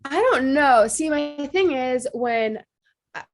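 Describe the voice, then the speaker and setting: High-pitched and taking her time, this twenty-something Ohio woman is a podcast guest in a casual interview, her voice a bit nasal from allergies. She comes across bubbly and upbeat, sprinkling in "like" often and laughing readily.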